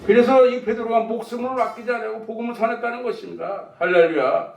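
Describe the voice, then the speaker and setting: Korean pastor preaching in an echoey church. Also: male voice, very high voice, steady tone, quick pace, gravelly, distant mic. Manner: rhetorical questions to the congregation, dramatic quoted voices. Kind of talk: sermon. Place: church sanctuary.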